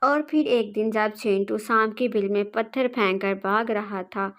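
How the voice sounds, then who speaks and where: A woman narrating a children's cartoon story in a mid-pitched voice. She tells it simply and steadily. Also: a little slow.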